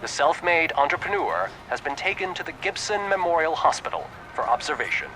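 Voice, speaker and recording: An actor playing a brisk, formal television news anchor reading a scripted bulletin in a video game. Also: male voice, a little high, very animated, noisy background. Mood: formal, crisp.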